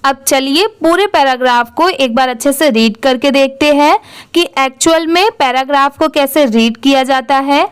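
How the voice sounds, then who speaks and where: A woman's voice: high voice, normal speed. A woman teaching English reading, spelling words letter by letter, asking questions and answering them herself. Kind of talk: classroom-style phonics lesson.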